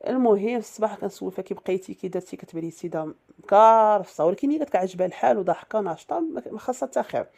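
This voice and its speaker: Fast-talking Moroccan woman telling a story. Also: mid-range voice, animated, gravelly, dark tone. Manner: chatty, with frequent fillers and restarts. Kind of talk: first-person story narration.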